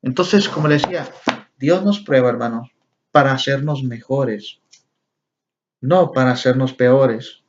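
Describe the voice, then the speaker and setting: A man's voice: mid-range voice, measured pace. A man teaching a Bible lesson, often calling his listeners brothers and asking them rhetorical questions. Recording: dull lo-fi recording.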